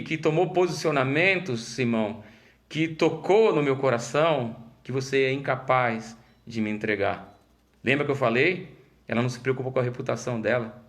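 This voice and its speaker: Pastor with a Brazilian accent, leading a lively, conversational Bible study and acting out the dialogue; mid-range male voice. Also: mid-range voice. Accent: Brazilian Portuguese. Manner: lively, acts out the dialogue of the story, repeats words while thinking.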